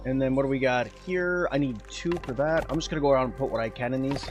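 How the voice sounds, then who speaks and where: A man's voice: mid-range voice, quick pace, soft background music. A man streaming a game live, talking casually as he plays and answering chat. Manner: chatty, answers chat while playing. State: eating while talking at times.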